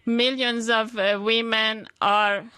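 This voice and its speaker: A woman addresses a parliament panel over a video link, speaking slowly and earnestly with many pauses and fillers. Her voice sits a little high and sounds bright. The sound is dry and close. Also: little pitch movement, smooth, no room sound. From Afghanistan. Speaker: women's rights activist speaker. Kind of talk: formal prepared speech to a parliament panel. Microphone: remote video call connection.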